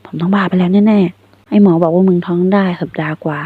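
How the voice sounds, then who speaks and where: A woman's voice: lowish voice, steady tone, fast talker, breathy edge, no echo. A woman voicing a cocky, possessive young man who speaks in blunt, coarse slang. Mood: smug. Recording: tinny phone-like sound, dry.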